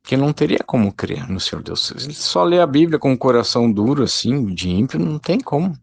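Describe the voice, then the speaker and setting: A man preaches in a loose, conversational way, often turning to his listeners as brothers. His voice has a gravelly, fried edge. The sound is close and dry, with no room around it. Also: mid-range voice, big pitch swings, a little fast, dry recording. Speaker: lay preacher. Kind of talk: informal spoken sermon.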